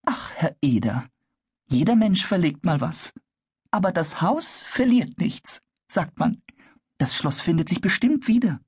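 A woman's voice: fairly low pitch, very animated, unhurried, darkish tone, breathy edge, heavily acted. An actress playing a friendly, chatty neighbour woman who comes to collect an order from a carpenter. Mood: comforting.

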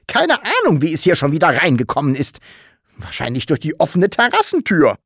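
A man voicing a shrill, bossy, indignant landlady in an audiobook reading, scolding in high, shrieking outbursts. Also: wildly swooping pitch, brisk, fairly bright tone, no echo, clean studio sound, exaggerated voice.

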